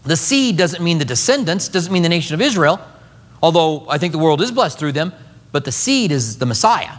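Speaking in a large hall, this middle-aged male pastor delivers his sermon at a fairly quick pace in a voice that runs a little high. He tells his stories with animation and humor.

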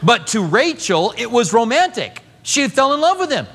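Animated high-voiced man preaching. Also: moderate pace, breathy edge, long reverb tail. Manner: animated storytelling with humor. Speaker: pastor. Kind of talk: sermon.

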